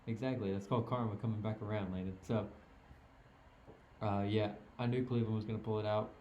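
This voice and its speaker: Low, mellow male co-host with trash-talking banter, muffled sound in an echoey room. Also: fairly even intonation, a little fast, slight background noise. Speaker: podcast co-host. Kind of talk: casual sports chat.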